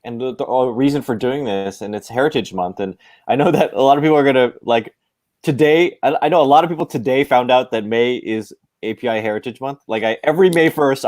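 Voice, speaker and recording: A man podcaster talking in a relaxed, joking way in a casual discussion over a video call. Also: mid-range voice, fast, dry recording, studio quality.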